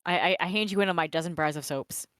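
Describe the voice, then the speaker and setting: Smooth low-voiced woman at a game table. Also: fast, a bit bright, no room sound, studio quality. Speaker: player. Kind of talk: casual tabletop play.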